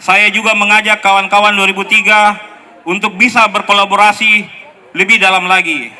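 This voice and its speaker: A man giving a formal public speech as a group leader, in short deliberate phrases. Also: high-pitched, bright, forceful tone, slight background noise.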